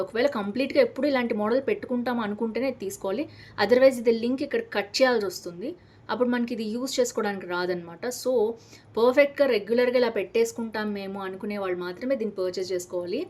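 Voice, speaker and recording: Fast-talking chatty Telugu woman vlogger. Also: a little high, darkish tone. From Hyderabad, India. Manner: chatty, enthusiastic, mixes English words into Telugu. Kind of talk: casual product unboxing vlog.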